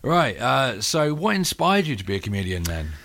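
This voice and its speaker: Croaky, hoarse British male radio host. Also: mid-range voice, very animated, normal speed, a bit bright. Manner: jokey, informal banter. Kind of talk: casual interview chat.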